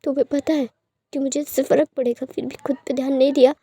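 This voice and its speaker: A woman voicing an angry young man scolding and shouting at his beloved in a storybook reading. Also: high voice, level tone, quick pace, dry recording.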